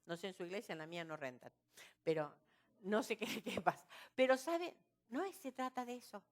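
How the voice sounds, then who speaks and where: A woman's voice: medium pitch, brisk. Woman preacher full of rhetorical questions. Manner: lively, asks the audience rhetorical questions. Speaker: retreat speaker. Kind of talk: sermon to a women's retreat.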